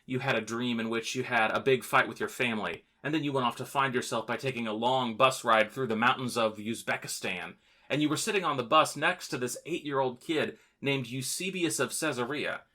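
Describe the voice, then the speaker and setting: A man's voice: medium pitch, bright, forceful tone. A man hosting a podcast, narrating history from a script with a jokey, playful manner and theatrical asides. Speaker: podcast host.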